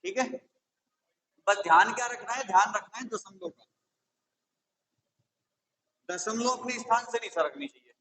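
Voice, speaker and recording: High-voiced maths tutor explaining patiently. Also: male voice, normal speed, pauses often, bright, forceful tone, poor audio. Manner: patient, step-by-step, checks with "theek hai". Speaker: maths tutor for exam coaching. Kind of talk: whiteboard maths lesson.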